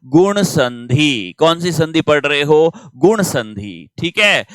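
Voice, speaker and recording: A man's voice: a little high, lively intonation, slow, fairly bright tone, clear, resonant tone, no room sound. A man teaching grammar in a patient classroom manner, asking questions and answering them himself.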